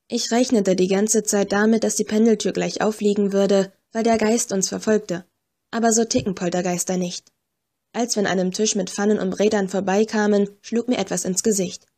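Woman, audiobook narrator, first-person story, measured and tense, mid-pitched voice. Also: steady tone, dark tone.

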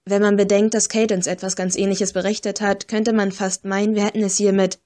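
A woman's voice: mid-range voice, flat delivery, a little fast, warm tone, natural voice. A woman voicing a stocky, bookish young man who explains ghost lore in an audiobook. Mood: earnest explaining.

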